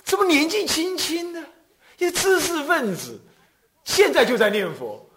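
A man voicing a preachy, scolding young male college peer in a high, mocking tone. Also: big pitch swings, normal speed, fairly bright tone, heavily acted.

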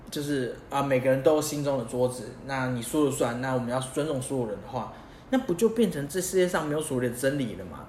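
A young man hosting a podcast. He talks casually and animatedly, firing off rhetorical questions. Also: medium pitch. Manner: animated, asks many rhetorical questions, chuckles at himself. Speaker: podcast host. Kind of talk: casual explanatory podcast monologue. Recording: roomy echo, faint background hiss.

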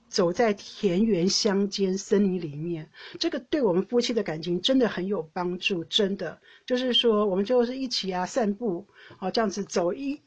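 A middle-aged woman with a Taiwanese Mandarin accent, hosting a podcast and telling personal stories in an emotional, animated way. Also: mid-range voice, husky. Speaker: podcast host. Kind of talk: casual personal storytelling.

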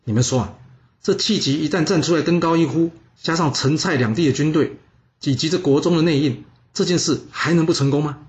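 A man's voice: on the high side, brisk, lo-fi sound, pitched above the performer's own voice, close to an everyday voice. A man voicing a scheming, persuasive adviser who coaxes and pushes hard. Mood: coaxing. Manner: coaxing, then urgent and shouting. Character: scheming persuasive male adviser, pushy and loud.

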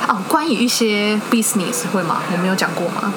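A woman's voice: medium pitch, expressive, a little fast, background noise. A woman from Taiwan with a Taiwanese accent chats casually, asking questions and often checking with tag questions. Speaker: interviewer, language exchange partner. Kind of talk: casual chat.

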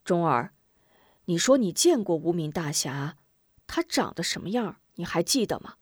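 A woman's voice: fairly low pitch, very animated, normal speed, slightly rough, no echo, clean studio sound. A woman voicing an elderly grandmother who asks firm, probing questions.

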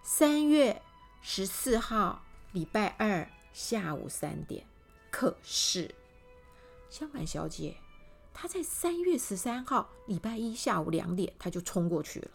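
A woman reading a children's storybook aloud, animated and speaking directly to the little listeners. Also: mid-range voice, takes it slowly, creaky, faint music behind.

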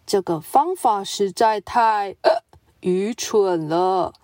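A woman's voice: medium pitch, a little mellow, no room sound, studio quality, natural voice. A woman doing a stiff, hiccupping zebra. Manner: slow, broken by hiccup sounds. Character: serious proud male zebra with hiccups.

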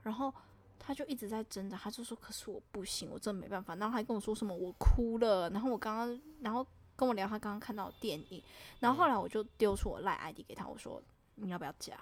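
A young woman casually telling a story on a podcast, swinging from hushed mutters to loud indignant outbursts. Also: mid-range voice, quick pace. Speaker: podcast co-host.

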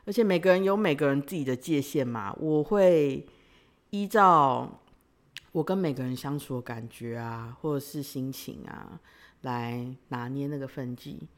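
A woman's voice: a bass voice, a little slow. A young woman, hosting a podcast and telling a personal story in a playful, teasing way with frequent giggles. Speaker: podcast host.

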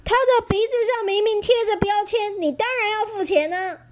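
A bossy storybook cashier insists on payment in a very high, shrill voice, as a woman reads the part. She hammers her demands slowly. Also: animated, darkish tone. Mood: insistent.

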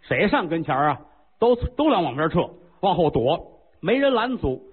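A man performing traditional pingshu storytelling, with lively colloquial asides and jokes. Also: on the high side, normal speed, husky. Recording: lo-fi phone-like recording.

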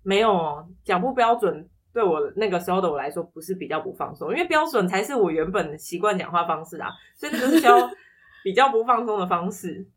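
A woman's voice: mid-range voice, lively intonation, quick pace, breathy edge. A woman from Taipei with a Taiwanese Mandarin accent, telling personal stories as an interview guest in a reflective, explanatory way. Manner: reflective, explanatory, quotes others in anecdotes. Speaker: podcast guest. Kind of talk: casual personal storytelling in an interview.

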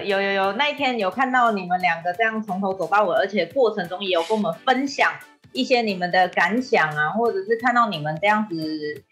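A woman with a Taiwanese accent hosting a talk show in a lively, casual style. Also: mid-range voice.

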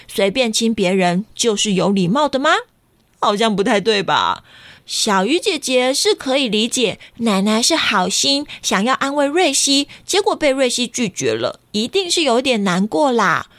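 A woman reading a picture book to children, lively and coaxing, asking them questions. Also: a little high, no room sound. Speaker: children's storyteller.

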